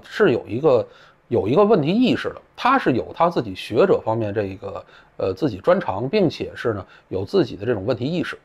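A man's voice: mid-range voice, a little mellow, slightly rough. A man giving blunt, casual spoken commentary, colloquial and peppered with profane asides. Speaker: political commentator. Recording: dull lo-fi audio.

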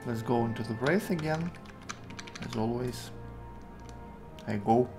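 A man in his twenties with a Russian accent, thinking aloud in halting fragments as he gives casual live game commentary. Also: medium pitch. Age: 20s. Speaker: game streamer. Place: indoor room at a computer. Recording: music behind the voice. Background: music, keyboard typing.

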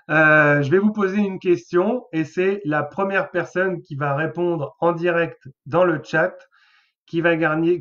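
A man's voice: fairly high pitch, a bit bright, highs cut off. A man, a therapist hosting a live webinar, talking casually with many hesitations. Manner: chatty, hesitant with many fillers.

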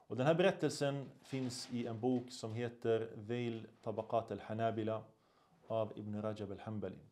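Male preacher, mid pitch, lively storytelling sermon phrases. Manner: vivid storyteller, voices the characters, mixes Arabic phrases. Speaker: Islamic preacher.

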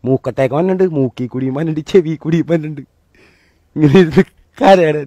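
A man giving a motivational talk, telling a personal story in a colloquial, animated way that swings between loud and hushed. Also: on the high side, fast talker, no echo. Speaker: motivational speaker.

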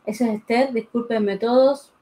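A woman with a fairly high yet dark voice speaks at a normal speed in a steady tone while drawing on a live stream. She chats casually, thinks aloud and greets viewers by name. It's a low-quality recording from a desk mic beside the pencil sharpener.

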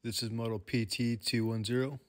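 A man's voice: mid-range voice, flat delivery, normal speed, dry recording, studio quality. A man, a plumber, talking through a product review in an easygoing, plain-spoken way.

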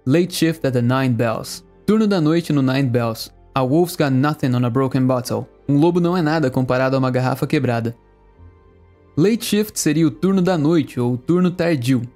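A Brazilian man teaching English, friendly, explaining and repeating phrases slowly. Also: medium pitch, a little mellow, faint music behind. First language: Portuguese. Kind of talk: language lesson narration.

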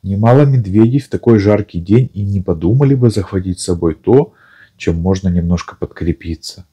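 A slow, good-natured little bear muses aloud in a low voice, as a male audiobook reader gives him life. He thinks out loud in a dark, mellow tone with a husky edge. The manner is unhurried and simple. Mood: musing. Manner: slow, musing, talks to himself. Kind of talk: audiobook character voice.

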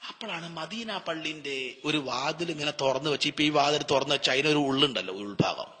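A man's voice: on the high side, expressive, a little fast. Guy preaching a ramadan sermon, asks a lot of rhetorical questions, long echo in a big hall. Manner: storytelling preaching with rhetorical questions, swinging between loud and hushed.

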